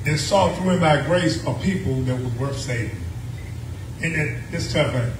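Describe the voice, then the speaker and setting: A middle-aged pastor from the United States with a Southern accent delivers a call-and-response sermon in a small indoor church sanctuary, his fairly high voice moving at a moderate pace from steady talk to shouts of praise while he repeats phrases. Filmed from the pews with a handheld mic, the recording is roomy, distant and noisy, with music behind.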